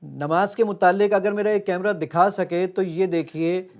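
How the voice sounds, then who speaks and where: With a high, a little mellow voice and fairly even intonation, the app's founder explains his product on an interview show over a slight hiss or hum. His voice is a touch raised as he earnestly demonstrates on a phone, taking the host through each step.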